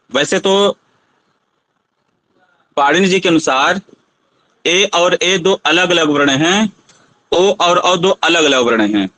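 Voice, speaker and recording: Casting: man, teacher, high unhurried voice, patient and questioning, dry close recording. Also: pushed and bright, no echo, poor audio. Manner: patient, asks students to try sounds aloud. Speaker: Sanskrit teacher. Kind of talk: classroom lesson on pronunciation.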